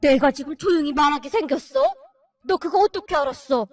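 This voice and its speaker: A stern old father-in-law bellows in alarm, as a woman puts him on in a storytelling radio drama. The voice stays high for a man and rings over soft background music. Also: fast talker, no room sound, studio quality. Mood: shocked, angry. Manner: loud, shouting in alarm. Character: stern elderly father-in-law, quick to anger.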